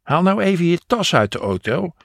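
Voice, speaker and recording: A man putting on a high, fussing older woman. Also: very animated, normal speed, vocal fry, dry recording, clean studio sound, heavily acted. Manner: fussing and cheerful scolding. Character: caring, bustling older woman. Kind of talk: audio story reading.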